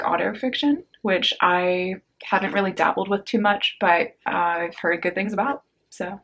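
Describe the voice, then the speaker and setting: A young woman casually chatting about a book haul on her vlog, slangy and upbeat, with quick asides. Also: mid-range voice, fairly bright tone. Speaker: book vlogger.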